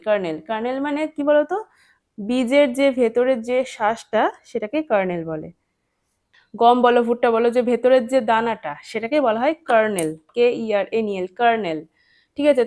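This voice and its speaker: A woman's voice: a little high, a little mellow. Patient woman teaching young children. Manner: patient, asks and answers her own questions; spells words out letter by letter. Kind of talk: children's English lesson.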